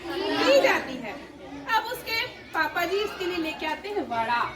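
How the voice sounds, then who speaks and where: A woman storyteller telling a puppet story to children, keeping them engaged with constant questions. Her voice is very high and is caught from a distance in a large, echoing indoor hall. A crowd of children can be heard around her. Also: big pitch swings, unhurried, heavy background noise.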